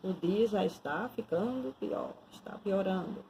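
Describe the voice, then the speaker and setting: A woman, a nun giving a devotional, telling a story in a slow, dramatic second-person way. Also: medium pitch, mellow, slight background noise, poor audio.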